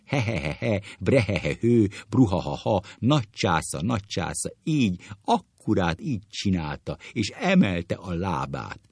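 A man's voice: mid-range voice, hardly any pauses, breathy edge, no echo, studio quality, pitched above the performer's own voice, heavily acted. A man reading a comic story, voicing a jolly middle-aged male doctor who roars with laughter at old school memories. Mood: giddy. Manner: roaring with laughter, excitable.

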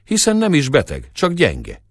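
Proud old shepherd read by a man, gruff, emphatic, lively pitch swings, dry sound. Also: no echo, heavily acted. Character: aging male shepherd, stubborn, proud, loving father.

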